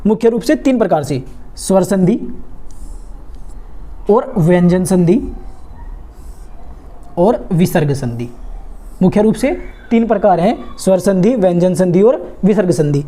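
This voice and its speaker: Woman teacher, warm mellow voice, quizzes the class then answers herself. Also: lowish voice, animated, unhurried, long pauses. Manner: asks questions and answers them herself, repeating and drawing out sounds. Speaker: Hindi teacher. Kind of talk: grammar lesson for exam students.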